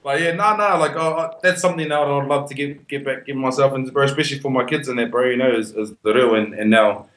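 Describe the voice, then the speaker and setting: A man's voice: mid-range voice, quick pace, few pauses, a bit bright. A man with a broad New Zealand Māori English accent chatting casually and slangily as a podcast guest. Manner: slangy, peppers speech with "bro" and "you know". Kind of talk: casual chat. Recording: echoey room.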